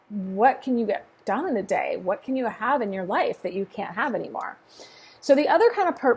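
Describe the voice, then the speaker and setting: A middle-aged woman talks to a group in a loose, coaching way, frank and encouraging and not shy of a swear word. Her voice sits at an ordinary pitch with a husky, slightly breathy edge. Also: a little mellow. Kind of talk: casual coaching talk to a group.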